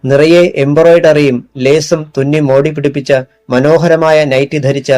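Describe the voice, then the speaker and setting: Mellow male audiobook narrator. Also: a little high, fairly even intonation, normal speed. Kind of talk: scripted novel narration.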